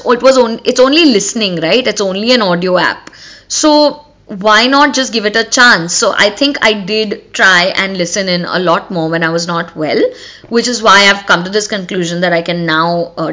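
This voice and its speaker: A woman hosts a casual solo podcast in a North Indian accent. Her voice is bright and forward, sitting at an average pitch for a woman. She talks conversationally, mixing Hindi phrases into her English. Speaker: podcast host.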